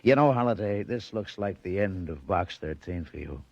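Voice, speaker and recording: A gruff American police detective from an old radio show, curt and sardonic. His voice is low, with a dry, close sound. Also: animated, normal speed, no room sound, dull audio, heavily acted. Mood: grim. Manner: curt, sarcastic, clipped tough-cop talk. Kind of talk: 1940s radio drama acting.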